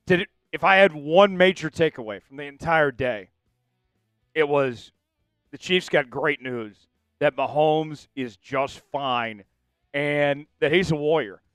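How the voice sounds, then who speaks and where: A man's voice: fairly high pitch, fairly bright tone, clean tone, dry recording. A man hosting a casual live-stream sports show, talking energetically and rambling straight to his viewers.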